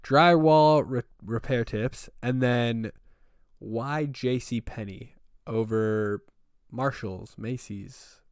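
A young man runs a relaxed podcast interview, joking, swearing and laughing as he reads out listener questions. His voice sits in the middle range and is recorded dry, with no room sound. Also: medium pitch, slow, clear, resonant tone, dry recording. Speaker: podcast host. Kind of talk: casual interview chat.

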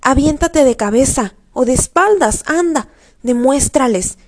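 A woman's voice: high voice, lively intonation, a little slow, a little mellow, pitched above the performer's own voice. A woman voicing a jealous older boy who talks back in a defiant, whiny way. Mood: goading.

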